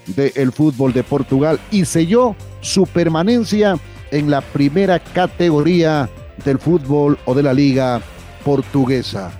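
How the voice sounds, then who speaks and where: A man with an Ecuadorian accent presenting sports news as a radio host, in a measured way. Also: medium pitch, warm tone.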